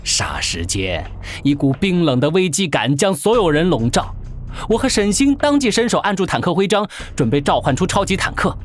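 A man narrating a science-fiction story in a theatrical, animated manner. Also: high voice, moderate pace. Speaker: audiobook narrator. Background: faint background music.

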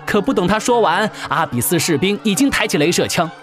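A man narrating a science-fiction story in a theatrical, animated manner. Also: high voice, a little fast. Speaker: audiobook narrator. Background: faint background music.

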